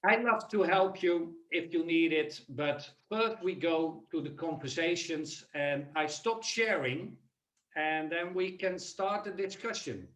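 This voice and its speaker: Slow, earnest Dutch-accented man on a video call. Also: a little high, a bit bright. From Netherlands. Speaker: webinar presenter. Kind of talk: casual webinar talk. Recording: echoey, distant from the mic.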